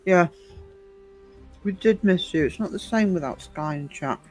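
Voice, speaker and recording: A woman's voice: on the low side, animated, a little slow, darkish tone. Lady in her 50s rambling to her stream chat, lots of little chuckles, faint music behind. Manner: rambling, chatty, chuckles often. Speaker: livestream host. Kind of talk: casual livestream chat with viewers.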